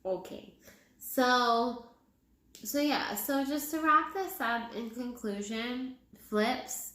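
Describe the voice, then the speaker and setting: A woman's voice: a little high, slow pace, bright, forceful tone. A woman giving a casual film review in a tipsy, rambling way, repeating herself as she goes. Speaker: movie reviewer. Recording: echoey room.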